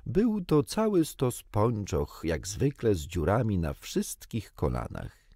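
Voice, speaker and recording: A man reading a children's book aloud in an expressive, playful manner. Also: on the low side, slow, no echo, clean studio sound. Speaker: audiobook narrator. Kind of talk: storybook narration.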